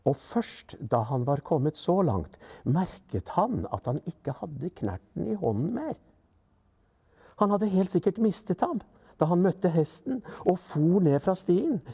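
A male actor reading a children's book aloud in a gentle, measured way. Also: mid-range voice, vocal fry, husky.

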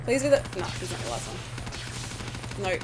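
A woman's voice: on the low side, sing-song, moderate pace, background noise. A woman giving casual commentary over her own gameplay, nervous, swearing and pleading with the game. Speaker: gaming YouTuber.

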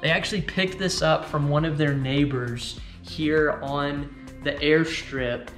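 Young guy vlogging a tour, excited, kinda high voice, echoey room w/ faint music. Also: takes it slowly. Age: young adult. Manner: upbeat, enthusiastic. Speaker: travel vlogger. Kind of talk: casual tour narration. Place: indoor hangar and outdoor field. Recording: roomy echo with faint music.

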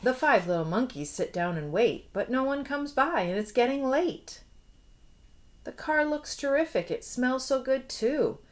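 With a high-pitched, animated voice and an unhurried pace, an American storyteller in her forties reads a picture book expressively to young children, throwing in asides and questions. A slight hiss or hum sits in the recording, made in a small room at home.

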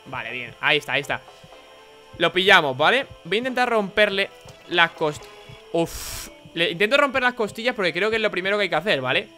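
A young man with a Spain Spanish accent, giving excitable, chatty gameplay commentary and laughing often. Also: high-pitched, fairly quick, faint music behind. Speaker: gaming YouTuber.

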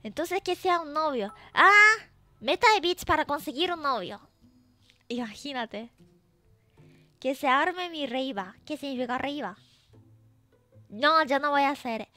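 A woman's voice: sits high, expressive, unhurried, pauses often, bright, forceful tone, no echo, soft background music. A woman streaming as a VTuber, chatting casually and playfully, teasing her chat and reading messages aloud.

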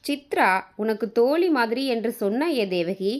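A woman voicing a caring husband in a storybook reading, speaking in a soft, soothing way. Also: on the high side, animated, unhurried. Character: caring gentle husband, adult man.

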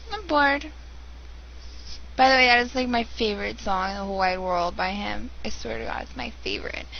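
Gravelly yet sitting high, the voice belongs to a young American woman rambling through a casual webcam vlog with plenty of ums, sounding bored and giggly. Audio from the built-in webcam mic in a dim indoor room is dull and lo-fi, carrying a faint hiss.

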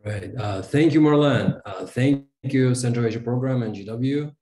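A man in his thirties from Kazakhstan, a sociology professor giving a fluent, measured panel talk. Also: mid-range voice, mellow. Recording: roomy video call audio.

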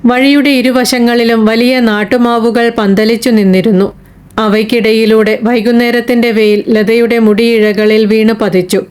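A woman narrating a literary short story in a measured, reflective reading style for an audiobook. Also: on the high side, steady tone, a little mellow, smooth.

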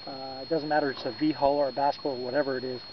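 A man in his thirties hosting a fishing vlog from a boat on a lake, explaining in a relaxed, casual way to a camera on a tripod. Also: medium pitch, fast. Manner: relaxed, explanatory, gestures while talking, some fillers and self-corrections. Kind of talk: casual how-to talk to camera. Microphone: camera on a tripod a few meters away. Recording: dull lo-fi camera audio with wind noise.

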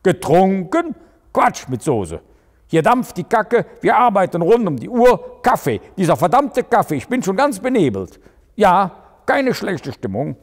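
A man's voice: mid-range voice, big pitch swings, measured pace, darkish tone, in a large hall. A man voicing a tipsy, choleric male small-town mayor who blusters and trips over his words. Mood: blustering. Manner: blustering, slurring slips.

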